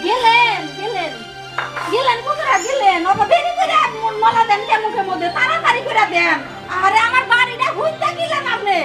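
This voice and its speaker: An actress playing a domineering, taunting middle-aged mother-in-law in a village family drama, with a shrill, scolding way of talking. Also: animated, a little fast, over music, crowd noise. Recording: noisy background.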